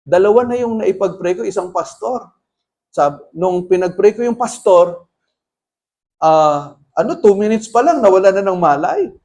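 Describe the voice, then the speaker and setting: High-voiced pastor preaching a sermon. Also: male voice, normal speed. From Philippines. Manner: animated storytelling, mixing English phrases in.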